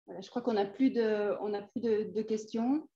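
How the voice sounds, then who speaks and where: Woman, moderator, mellow tone, hesitant with fillers, roomy echo, dull lo-fi sound. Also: medium pitch, steady tone, normal speed. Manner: hesitant, many fillers while finding words. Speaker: event moderator. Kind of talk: moderating a live online author talk. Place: room in Thessaloniki.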